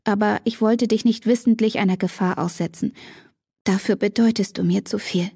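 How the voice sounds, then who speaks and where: A woman's voice: medium pitch, steady tone, moderate pace, creaky, warm tone, slightly rough, no room sound, studio quality. A woman voicing an emotional teenage girl, tearful and torn, her voice rising and breaking. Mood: tense.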